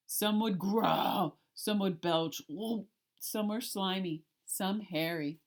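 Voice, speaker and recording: Reading aloud the way a teacher would, an elementary art teacher shares a children's picture book. Her voice sits at medium pitch, and her delivery is expressive and deliberate, with the rhymes brought to the fore.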